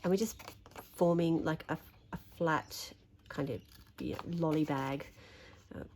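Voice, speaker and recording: A lowish, gravelly Australian woman's voice, slightly croaky, talking through a craft tutorial as she works, chatty and thinking aloud. Faint hiss and small tool clicks sit behind her. She sounds close to a desk mic. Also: a little slow, a little mellow. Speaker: papercraft demonstrator.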